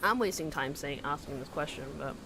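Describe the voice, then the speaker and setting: A woman's voice: sits low, expressive, fairly quick, noisy background. A woman streaming a game in casual, chatty commentary, giggling and gushing with lots of fillers. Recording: loud game music behind the voice.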